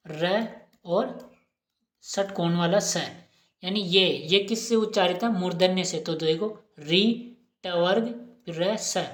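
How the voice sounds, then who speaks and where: A woman teacher giving an exam-prep lesson, asking questions and repeating each answer aloud. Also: lowish voice. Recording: roomy echo.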